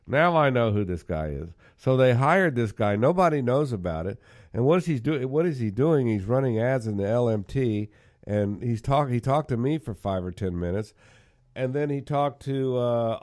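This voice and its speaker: A man's voice: mid-range voice, a little mellow. An older man hosting a live-stream talk show, chatting casually in a rambling, wry and sarcastic way with frequent restarts. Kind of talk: casual talk radio chat.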